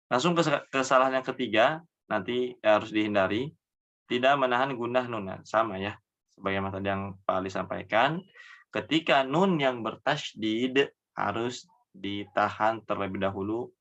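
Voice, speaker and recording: A man teaching Quran recitation rules, explaining each mistake, then reciting the words slowly and drawn out, dropping softly at the ends of phrases. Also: on the low side, creaky, dull audio. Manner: trails off softly after each example. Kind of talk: tajwid lesson with slow demonstration recitation.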